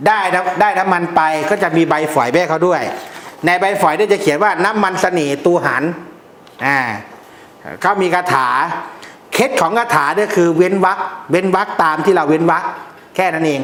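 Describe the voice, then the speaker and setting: Jokey and blunt, an amulet teacher talks through amulet lore with coarse slang, speaking fairly quickly in a fairly bright voice that sits a bit high for a man. The room echoes noticeably, and a little hiss or hum can be heard.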